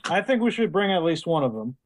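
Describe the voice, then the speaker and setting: A man's voice: on the high side, sing-song, fairly quick. A young man playing a tabletop game, talking casually and hesitantly with fillers. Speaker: player.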